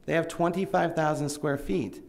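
A middle-aged small farmer from Oregon gives earnest, rambling public comment at a county commission hearing, seated at a table microphone indoors. His voice is fairly high and gravelly, with fairly even intonation and a moderate pace, and he pleads in plain language.

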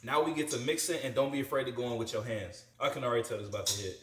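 A man's voice: mid-range voice, steady tone, rapid-fire, noisy background. A young man talking casually to camera in a slangy, laid-back way while cooking in a large home kitchen. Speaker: fitness vlogger. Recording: echoey kitchen room.

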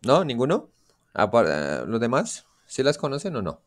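A man's voice: medium pitch, huge pitch swings, moderate pace. A man teaching a class, explaining grammar and constantly asking his students questions to check they follow. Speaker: English teacher. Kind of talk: classroom lesson.

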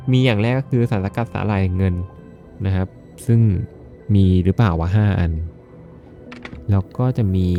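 Low-voiced man doing game commentary. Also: mellow. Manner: chatty and jokey, polite sentence endings. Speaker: gaming video host. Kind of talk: casual let's-play commentary.

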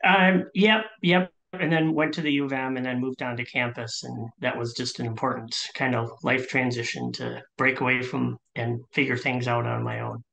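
A middle-aged man from Minnesota, a leadership coach, speaking as a guest over a video call from his home office, relaxed and reflective with many fillers. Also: medium pitch, moderate pace, gravelly, hardly any pauses. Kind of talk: casual interview.

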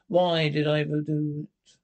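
A man's voice: a little high, little pitch movement, a little slow, gravelly, a little mellow. A man doing a moaning, downcast little mole. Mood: doleful. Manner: moaning and self-reproaching. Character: gloomy homesick male mole.

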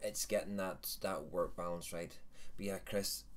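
A man's voice: low-pitched, fairly even intonation, unhurried. A Northern Irish man in his thirties, hosting a casual livestream chat. He rambles, corrects himself and jokes. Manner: rambling, self-correcting, jokey. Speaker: host of a vaping livestream.

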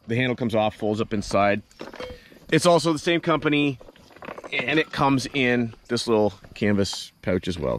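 A man in his thirties chats casually to an action camera held at arm's length. He rambles a bit and drops in plenty of ums and uhs. It was recorded outdoors beside a field, with a faint hiss under the voice. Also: mid-range voice. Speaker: outdoor vlogger and dad. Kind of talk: casual camping vlog talk to camera. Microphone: handheld action camera at arm's length.

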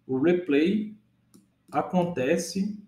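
A man's voice: fairly high pitch, expressive, drawn-out words, warm tone, echoey room. A man in his thirties with a Brazilian Portuguese accent, teaching a casual data engineering lesson step by step and often checking that his listeners follow.

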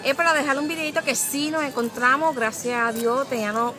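A middle-aged woman chatting excitedly into a phone camera outdoors at a shopping mall, slipping in English words. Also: high voice, brisk. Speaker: vlogger. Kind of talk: casual vlog chat. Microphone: phone camera at arm's length.

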